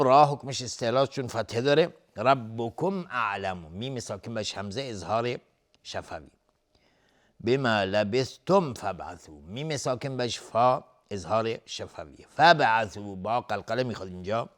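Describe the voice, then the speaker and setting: A man teaching tajweed, slowly chanting verse phrases and then briefly explaining the pronunciation rules, sometimes trailing off into a whisper. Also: lowish voice. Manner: drawn-out chanted recitation alternating with quick explanation. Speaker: Quran recitation teacher. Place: television studio.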